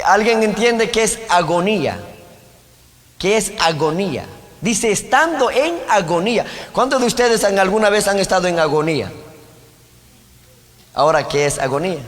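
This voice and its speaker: High-pitched guy preaching in church, keeps asking the people questions, big echoey hall. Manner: asks the congregation questions, emphatic preaching. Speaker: pastor. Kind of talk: sermon.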